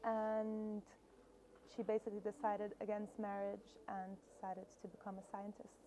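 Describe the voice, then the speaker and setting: A filmmaker from Brazil being interviewed at a film festival, answering thoughtfully with frequent pauses. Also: female voice, mid-range voice, completely flat delivery, mellow, slight background noise, poor audio. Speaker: filmmaker guest.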